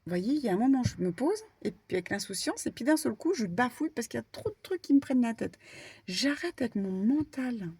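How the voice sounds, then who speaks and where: A woman medium giving a casual spiritual card reading, talking in an animated, stumbling way with many fillers. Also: a little high, brisk, husky, dry recording. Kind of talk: spiritual guidance talk, casual.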